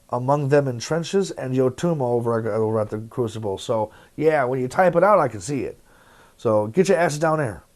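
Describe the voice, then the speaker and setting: A man's voice: mid-range voice, darkish tone. A man hosting a local entertainment news show, bluntly rattling off event listings with plenty of profanity.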